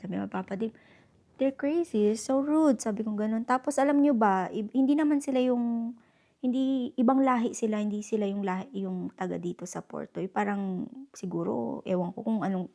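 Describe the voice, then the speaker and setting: Madaldal na babaeng vlogger, malambot ang boses. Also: female voice, medium pitch, mellow. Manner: chatty storytelling with many fillers and English code-switching. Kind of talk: casual vlog chat.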